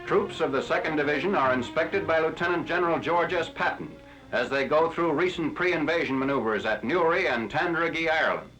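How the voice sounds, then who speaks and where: A man's voice: on the high side, brisk, fairly bright tone, soft background music. Man narrating an old wartime newsreel. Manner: crisp formal announcer delivery. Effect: old 1940s newsreel recording. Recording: lo-fi archival newsreel audio.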